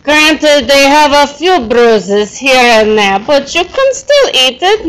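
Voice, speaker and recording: Female performer as Russian game heroine, high smooth voice, very unhurried, caring with a teasing streak. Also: a bit bright, exaggerated voice, low-quality recording. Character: Russian woman, friendly game character leaving a message.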